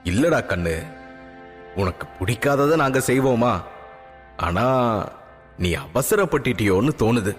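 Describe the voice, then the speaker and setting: A man voicing a calm, patient father, a king who soothes his daughter, in an audio drama. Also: close to an everyday voice. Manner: low, calm, measured. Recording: music bed, long reverb.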